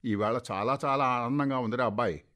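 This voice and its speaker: A man's voice: medium pitch, fairly quick, fairly bright tone, lightly acted. A man voicing an old father in his sixties, kept in an asylum, who talks in a cheerful, rambling way, for a radio story reading. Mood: eerily gleeful. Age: 60s.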